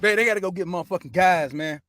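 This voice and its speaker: Profane fast-ranting male sports host. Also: high-pitched, very noisy. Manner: loose, profane, says "man" constantly. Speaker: sports talk show host. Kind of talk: casual sports rant.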